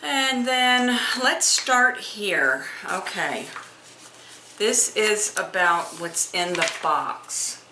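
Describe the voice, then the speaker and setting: A woman's voice: medium pitch, lively intonation, very slow. A middle-aged woman vlogging a casual snack taste test, chatty and homey, thinking aloud as she goes. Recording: echoey room with clear noise.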